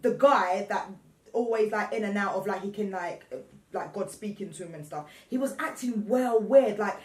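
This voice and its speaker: A young woman, co-hosting a podcast and telling a story in animated casual chat. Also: medium pitch, moderate pace. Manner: animated, acts out voices in anecdotes. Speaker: podcast co-host. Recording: echoey room, mic at a distance.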